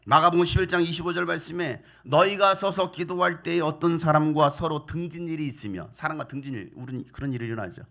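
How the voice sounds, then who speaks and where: A middle-aged male pastor preaching a sermon with great passion, swinging from quiet asides to loud, emphatic lines and leading the congregation in reading scripture. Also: fairly high pitch, fast talker, hardly any pauses.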